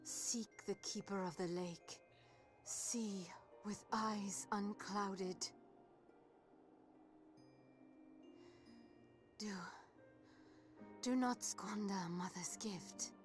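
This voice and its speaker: Woman playing a slow, solemn female war leader, scornful, game cutscene, faint music behind. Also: medium pitch, steady tone, lightly acted. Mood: earnest. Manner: solemn, scornful, slips into whispers.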